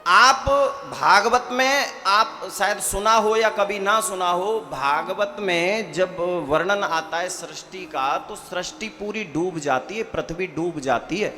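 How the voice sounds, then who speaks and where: A man delivering a devotional sermon in a high, bright voice, taking his words slowly. He leans on rhetorical questions and chanted verse. His voice rings out with a long hall reverb, and faint music plays underneath. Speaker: preacher.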